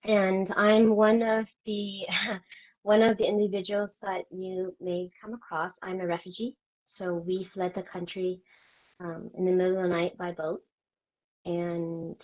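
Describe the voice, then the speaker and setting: A woman's voice: medium pitch, highs cut off. A woman from Vietnam who is a guest in an interview, telling her own story in an earnest, reflective way with hesitant restarts.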